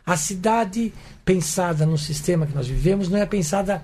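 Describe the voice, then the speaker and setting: A man's voice: high-pitched, expressive, normal speed, darkish tone, a little hiss or hum. A man from Brazil in a roundtable discussion, speaking firmly and repeating his key points for emphasis. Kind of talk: casual roundtable chat.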